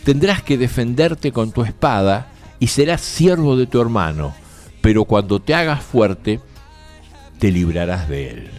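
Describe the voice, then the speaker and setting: A man voicing an old, nearly blind father who speaks slow, solemn blessings to his son. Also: mid-range voice, lively intonation, darkish tone, faint music behind, close to an everyday voice.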